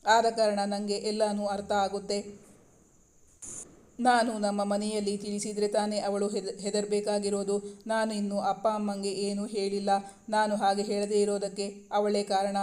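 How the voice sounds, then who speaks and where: A cheerful, teasing big brother from a storybook, read by a man, breezy and frank. His voice is high and stays nearly level throughout. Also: completely flat delivery, moderate pace, a little mellow, lightly acted. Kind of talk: storybook reading.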